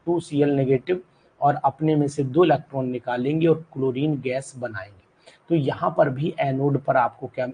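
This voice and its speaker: Male chem teacher, kinda husky and dark, quizzing his online class by name, drills terms. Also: mid-range voice, poor audio. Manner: mixes in English terms. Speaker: chemistry teacher. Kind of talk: live online class lecture.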